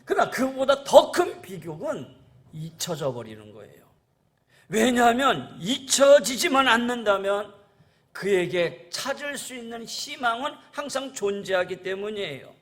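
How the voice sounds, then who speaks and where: An unhurried, very animated male pastor with a high, slightly bright voice preaches a sermon. Earnest and repetitive, he reads scripture, favors "라는 거예요" endings, and frequently calls the congregation "여러분".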